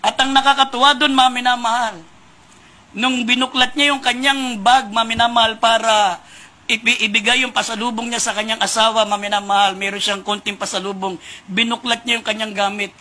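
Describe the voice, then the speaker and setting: High, bright-voiced Filipino preacher. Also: male voice, flat delivery, brisk, a little hiss or hum. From Philippines. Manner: addresses the congregation as beloved again and again, emphatic. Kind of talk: sermon storytelling.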